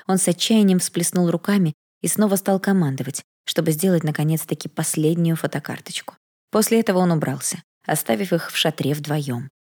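Female audiobook narrator, low voice, even scripted reading.

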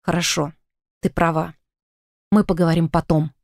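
A man's voice: on the high side, flat delivery, moderate pace, vocal fry, dry recording, studio quality. A woman voicing a hot-tempered young male lycan, the younger brother, in an audiobook. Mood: quiet. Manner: demanding, angry.

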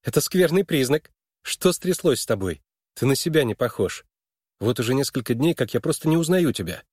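A man reading an audiobook and voicing a young woman with a bright, slightly forced cheerfulness. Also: medium pitch, lively intonation, fairly quick, breathy edge, no room sound, studio quality, voice pushed up. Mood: teasing. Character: lively, teasing young woman.

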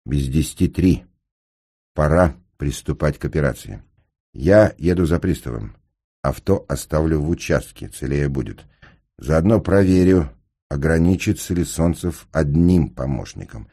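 A man doing a calm, ironic middle-aged engineer. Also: very deep voice, slightly rough, heavily acted. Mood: instructing. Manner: measured, dry, with slight stammers. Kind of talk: audiobook character reading.

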